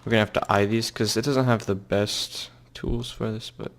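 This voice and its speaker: Young male tutorial voice, lowish and gravelly, rambling with fillers, keyboard clicks behind. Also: fairly even intonation, slight background noise. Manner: loose and halting, many fillers and trailing restarts. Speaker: software tutorial maker. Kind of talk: casual screen-recorded tutorial.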